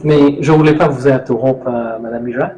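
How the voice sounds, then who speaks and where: A middle-aged Mauritian man hosts a casual food talk in a mid-range, fairly even voice at a brisk clip. He rambles loosely and corrects himself as he goes. The room is echoey, with soft music playing.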